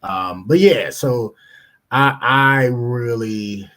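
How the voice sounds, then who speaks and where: A man co-hosting a podcast in casual chat, agreeable, giving short replies and trailing off softly. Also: mid-range voice, very slow. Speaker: podcast co-host.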